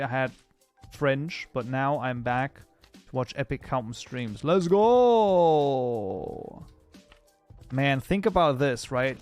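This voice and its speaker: A man streaming his game modding live, chatting casually and reacting to chat in an excitable, rambling way. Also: fairly high pitch.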